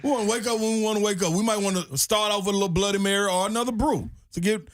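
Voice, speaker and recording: A man's voice: sits high, very fast, no echo, clean studio sound. A man co-hosting sports radio, bantering in a playful, folksy, colloquial way. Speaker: sports talk radio co-host. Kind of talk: casual comic banter.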